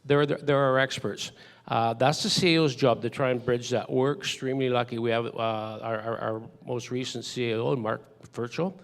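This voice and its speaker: A man, an elected official, speaking sincerely on a conference panel with frequent pauses and fillers. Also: mid-range voice, fairly even intonation. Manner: halting, many fillers, sincere. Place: conference hall. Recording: reverberant conference hall.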